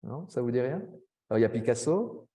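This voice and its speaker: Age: adult. Sex: man. Role: teacher trainer. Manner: chatty, peppers speech with tags, mid pitch. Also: expressive, mellow. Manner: chatty, frequent "hein" tags, quick asides. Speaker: French language teacher trainer. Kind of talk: webinar presentation.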